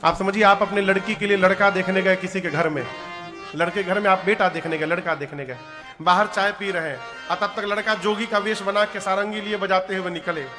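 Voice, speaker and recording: A middle-aged man preaches in a high, ringing voice. He acts out each character as he tells the story and slides into chanted verses. His voice rings out across a big reverberant hall over devotional music. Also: steady tone, fairly quick. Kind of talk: devotional katha sermon with sung verses. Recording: large hall with long reverb. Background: devotional music playing.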